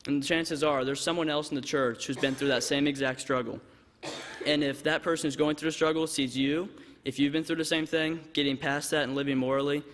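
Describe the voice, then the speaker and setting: A man giving a measured church devotional talk and asking his listeners rhetorical questions. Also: medium pitch, fairly bright tone. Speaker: devotional speaker. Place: church auditorium. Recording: long church hall reverb.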